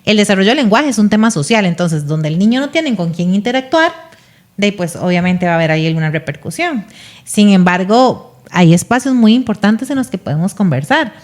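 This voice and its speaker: A woman's voice: medium pitch, very animated, brisk, darkish tone. A woman speaking as a speech therapist guest on a podcast, explaining patiently and often checking in with "¿verdad?".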